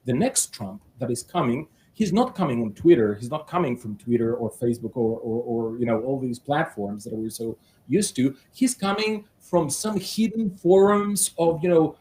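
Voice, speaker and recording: Man, Bulgarian accent, fairly high voice, halting speech full of fillers, podcast interviewer. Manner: halting, many fillers and restarts; animated, rising pitch when stirred. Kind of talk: long interview question.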